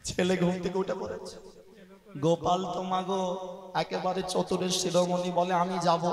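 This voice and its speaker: A man's voice: high voice, completely flat delivery, moderate pace. A man performing devotional kirtan, telling a story with drama and singing between the lines. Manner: dramatic, acts out the characters. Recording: echoey hall with music.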